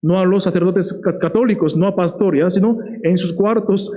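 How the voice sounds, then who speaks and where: A man preaching a sermon in a lively way. He often checks in with the listeners and slows down to stress key words. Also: high-pitched, poor audio.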